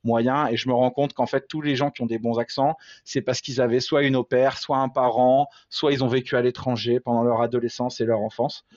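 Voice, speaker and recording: A man's voice: medium pitch, fairly even intonation, brisk, few pauses, darkish tone, no echo. A man, a father, talking as an interview guest in a casual, hesitant way, with many fillers and restarts, and poking fun at himself now and then. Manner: self-deprecating, laughs at himself. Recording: slightly dull lo-fi sound.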